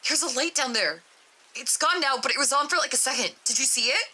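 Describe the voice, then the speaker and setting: A woman's voice: mid-range voice, unhurried, bright, forceful tone, poor audio. A woman voicing a young female test subject, nervous and easily grossed out, talking in a raised, exclaiming voice during a creepy story reading. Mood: alarmed. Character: young woman test subject descending endless stairs, scared and disgusted.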